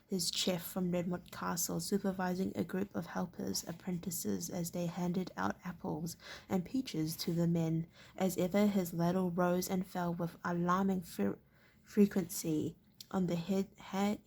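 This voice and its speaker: Brief: a woman reading a book aloud, stumbling and self-correcting, gravelly monotone. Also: on the low side. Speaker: reader.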